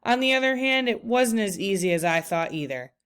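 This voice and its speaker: In a smooth, mid-range voice, a woman reads a children's book aloud like a teacher, taking an expressive, deliberate storytelling approach.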